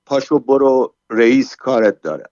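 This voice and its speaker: A man's voice: mid-range voice, expressive, a little mellow, no room sound, muffled recording, voice pushed up, close to an everyday voice. A man voicing a weary, blunt male guard who talks to his coworker with impatience and exasperation. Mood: impatient.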